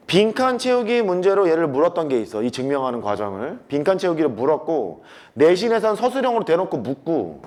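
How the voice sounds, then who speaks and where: A man's voice: on the high side, a little mellow. A man teaching a math class, talking to students in casual speech and hammering points home by repetition.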